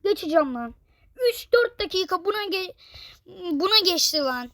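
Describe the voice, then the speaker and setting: A woman giving excitable, exasperated gameplay commentary for her channel, swearing in jest and talking to her viewers. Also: very high-pitched, normal speed, slight background noise. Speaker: gaming video creator.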